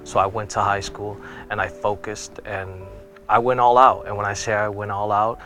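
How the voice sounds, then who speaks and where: A man's voice: fairly low pitch, little pitch movement, moderate pace, a bit bright. A man in his thirties from Puerto Rico, an airman telling his life story in an earnest, reflective way. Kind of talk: personal interview testimony. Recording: music playing underneath.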